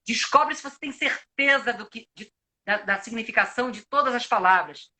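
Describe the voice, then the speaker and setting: A very high, bright, forceful male voice at normal speed belongs to a Brazilian actor and coach. He offers advice on a live video call in a Brazilian Portuguese accent, explaining at length in a reflective way with many restarts.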